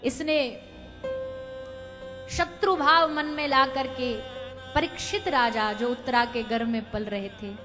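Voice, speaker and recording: A young woman telling a devotional scripture story as a preacher, dramatic, swelling loud for emphasis and chanting verses. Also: sits high, steady tone, slow, pauses often, long reverb tail, music in the background.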